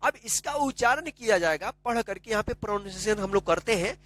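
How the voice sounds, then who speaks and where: A man's voice: high voice, animated, brisk, a bit bright, slight background noise. A man teaching a phonics lesson, spelling words out letter by letter and asking and answering his own questions. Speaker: English teacher.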